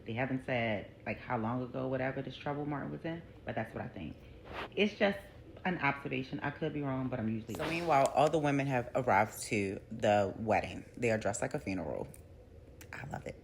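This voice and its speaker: A woman giving a casual episode recap as a reviewer, a lively storyteller who acts out the characters' lines. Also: rumbling low, fairly quick, creaky, a little hiss or hum. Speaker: TV show reviewer.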